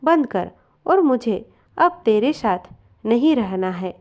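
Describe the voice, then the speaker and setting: A woman's voice: fairly high pitch, big pitch swings, takes it slowly, highs cut off. Stubborn scolding older mother-in-law, read by a woman. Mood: angry, stubborn. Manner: scolding, curt.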